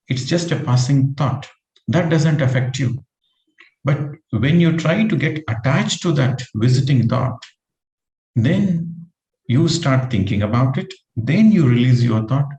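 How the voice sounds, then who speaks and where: A man with a warm, mellow voice gives a meditation teaching talk. He explains patiently, reaching for everyday examples. The sound carries a noticeable room echo. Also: medium pitch. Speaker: spiritual teacher.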